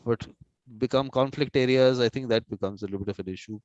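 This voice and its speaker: A man's voice: medium pitch, fast, darkish tone, no room sound, dull audio. A man hosting an informal conversation over a video call, talkative and repeating words as he plans aloud. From India. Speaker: host and mediator.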